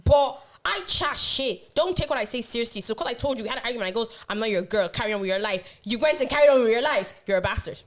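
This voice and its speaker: Fast-talking young woman storyteller. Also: a little high. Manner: animated, swearing, slangy storytelling. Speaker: podcast co-host. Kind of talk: casual storytelling chat.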